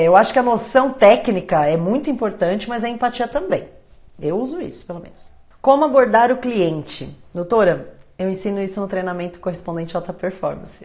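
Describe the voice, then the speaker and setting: A woman with a Brazilian Portuguese accent hosting a casual live Q&A, blunt and animated, acting out phone calls as she answers viewer questions. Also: medium pitch.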